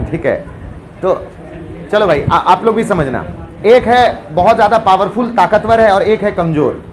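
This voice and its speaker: High-voiced playful teacher. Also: male voice. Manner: playful, storytelling, quizzes students. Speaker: chemistry teacher. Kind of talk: classroom lecture. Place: classroom.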